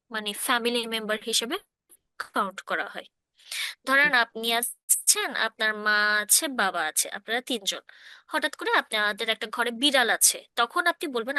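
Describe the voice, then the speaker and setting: A woman teaches a relaxed online language class, checking often that her listeners keep up. Her voice sits high and sounds bright and clear. The recording is close and dry. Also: no echo. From Bangladesh. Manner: explains patiently, often checking understanding. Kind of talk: casual online class explanation.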